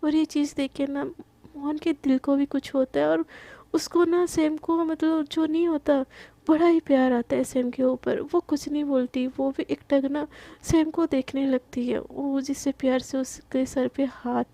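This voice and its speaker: Brief: young woman storyteller, chatty and emphatic, dark mellow tone, flat delivery. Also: high voice, a little slow, no room sound. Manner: chatty, emphatic, filler-heavy. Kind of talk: casual spoken story narration.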